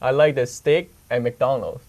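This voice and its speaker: A young man from Hong Kong, working as a student reporter in a chatty news segment, tells candid stories in simple non-native English. His voice is medium-pitched and darkish, at a measured pace.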